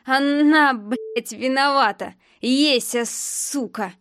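A woman's voice: sits high, takes it slowly, fairly bright tone. A woman voicing a drunk, beaten young man who mumbles and slurs his bitter words. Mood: drunk spiteful. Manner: slurred, mumbling, spiteful.

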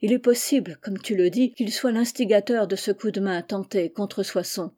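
Suspicious king, firm, emphatic, mellow voice, storybook, woman reader. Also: medium pitch, fairly even intonation, moderate pace, husky, lightly acted. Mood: stern. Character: suspicious, frightened old king.

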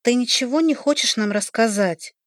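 A woman's voice: moderate pace, no room sound, studio quality, natural voice. A woman reading an audiobook, voicing a shy, anxious young woman who studies to be a healer, in a timid, pleading way. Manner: timid and pleading, voice lifting higher. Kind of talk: audiobook character voice.

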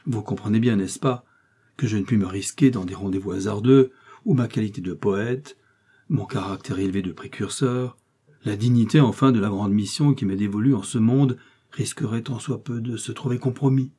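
A man's voice: fairly low pitch, moderate pace, dark tone, slightly rough. A man reading an audiobook, voicing a vain, self-important male poet who declaims in a lofty, grandiloquent way. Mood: haughty.

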